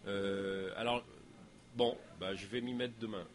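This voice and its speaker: A guest speaker whose first language is French fields audience questions in a hall after his lecture. His voice is lowish and fairly even in intonation, a little slow, and he thinks aloud with many fillers and restarts.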